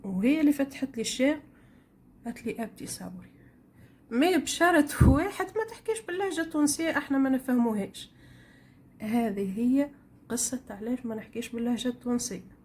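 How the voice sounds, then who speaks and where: A home cooking vlogger with a Tunisian Arabic accent chats casually with viewers while cooking in her home kitchen, telling rambling stories in a high, dark voice with a breathy edge.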